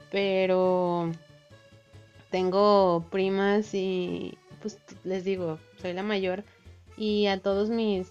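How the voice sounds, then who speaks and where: A woman's voice: mid-range voice, a little mellow, clear, resonant tone. A young woman with a Mexican accent, casually telling a story to her viewers, swearing and laughing as she goes. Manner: chatty, swears casually, laughs often, acts out voices. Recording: slightly muffled lo-fi recording with faint music.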